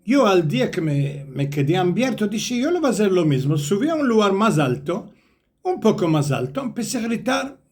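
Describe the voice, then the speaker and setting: A man's voice: high-pitched, normal speed. A man with a Ladino accent voicing a boastful, cheerful donkey who brags about his good fortune. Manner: boastful, lively.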